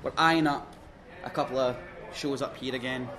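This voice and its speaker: A man's voice: mid-range voice, fairly even intonation, moderate pace, fairly bright tone. A Scottish man in a band, rambling in an interview with lots of fillers and acted-out quotes. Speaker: band member. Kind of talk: casual interview chat. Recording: crowd noise behind.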